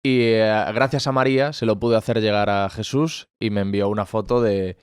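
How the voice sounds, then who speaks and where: A man hosting a podcast interview, talking in a relaxed, friendly way with some hesitant fillers. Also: on the low side, moderate pace, clean tone, no room sound, studio quality. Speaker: podcast host. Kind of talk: casual conversational interview.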